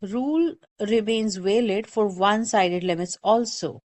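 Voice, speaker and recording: A woman's voice: medium pitch, a little slow, darkish tone. A woman math teacher giving a recorded calculus lecture, explaining step by step and often checking in with "okay?". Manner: patient, repeats warnings, checks in with "okay?".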